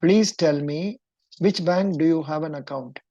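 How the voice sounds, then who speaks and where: A woman's voice: low-pitched, a little slow, mellow, no room sound, muffled recording. A woman with a Kannada-influenced Indian English accent, coaching a mock interview in an encouraging, instructive and probing way.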